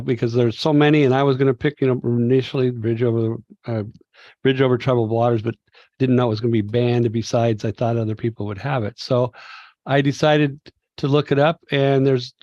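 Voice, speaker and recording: A man's voice: medium pitch, darkish tone, no room sound. Man chatting on a dull video call. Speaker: community advisory group member.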